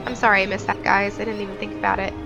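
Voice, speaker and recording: A woman's voice: mid-range voice, little pitch movement, racing, vocal fry, lo-fi sound, over music. A woman hosting a casual game walkthrough on a headset mic, chatty and informal, thinking aloud as she goes. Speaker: gaming video host.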